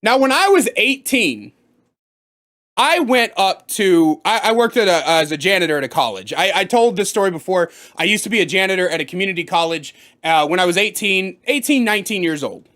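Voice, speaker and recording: Animated profane man ranting to camera. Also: sits high, a little fast. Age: 30s. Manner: animated, swings to loud outbursts. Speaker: comedic storyteller. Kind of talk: profane comedic storytime rant.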